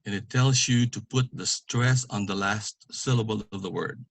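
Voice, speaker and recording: A man giving an online language lesson, speaking slowly and carefully and repeating each example word for pronunciation. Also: on the low side, vocal fry, no echo. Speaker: language teacher.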